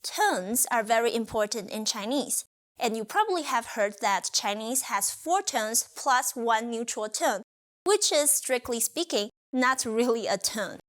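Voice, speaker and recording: A woman teaching pronunciation in a scripted lesson, speaking slowly and carefully as she demonstrates. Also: fairly high pitch, animated, a bit bright. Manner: slow, careful, demonstrative delivery. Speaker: language teacher.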